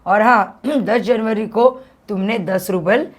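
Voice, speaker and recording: A woman teacher voicing a stern, stingy male master of a household, lecturing as she reads a story aloud to her class. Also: mid-range voice. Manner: lecturing, drawn-out reckoning of money.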